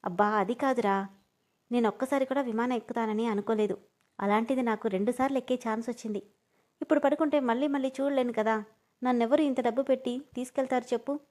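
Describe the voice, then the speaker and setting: A chatty young woman in a spoken storybook, teasing and lively, her voice sitting fairly high and often jumping higher still. A woman narrator puts her on with little change from her own reading voice. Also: fast, close to an everyday voice. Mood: playful.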